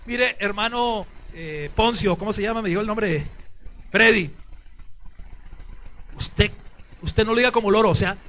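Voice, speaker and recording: A man preaching a sermon as a priest, swinging from hushed to loud. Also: high voice, moderate pace, pauses often. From Colombia. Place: church.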